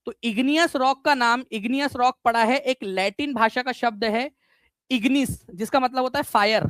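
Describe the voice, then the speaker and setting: A male teacher, energetic and given to repetition, quizzes students in a live online exam-prep class while mixing in English words. He's very high-pitched and speaks at normal speed, with no room sound.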